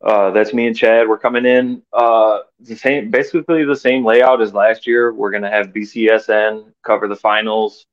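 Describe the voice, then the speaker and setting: A man with a low voice chats as a podcast guest, easygoing and plain-spoken, often stopping on "uh". The sound is dull and lo-fi. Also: fairly even intonation, moderate pace, few pauses. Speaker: podcast guest, wrestling tournament organizer. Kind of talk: casual chat.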